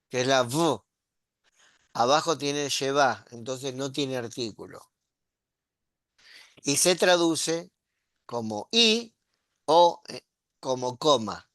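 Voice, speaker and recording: A man's voice: mid-range voice, fairly bright tone, dry recording, clean studio sound. A middle-aged man, teaching a Hebrew grammar lesson and often checking in with his students. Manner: patient, explaining step by step with frequent "¿sí?" and "¿ves?" checks.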